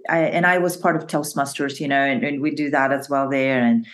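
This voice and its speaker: A woman's voice: extremely low pitch, brisk, a bit bright. A woman hosting a podcast interview, chatty and encouraging, with many fillers as she talks. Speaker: podcast host. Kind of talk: casual interview conversation.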